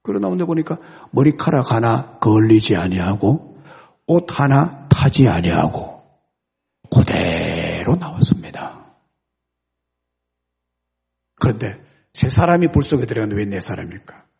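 A male pastor preaches with a raspy, gravelly voice. His pitch swings widely as he tells the story in a lively, chatty way. The recording is dull and lo-fi. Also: unhurried, long pauses. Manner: animated, conversational retelling. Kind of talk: sermon storytelling.

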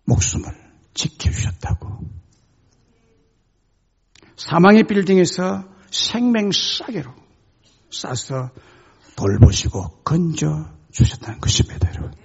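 A man's voice: on the high side, creaky, a little mellow, breathy edge, dull audio. A male pastor preaching a sermon, telling stories dramatically with sudden emphatic swings.

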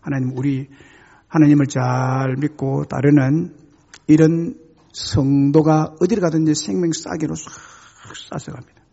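A man's voice: on the high side, flat delivery, unhurried, gravelly, mellow, lo-fi sound. A male pastor preaching a sermon, telling stories dramatically with sudden emphatic swings.

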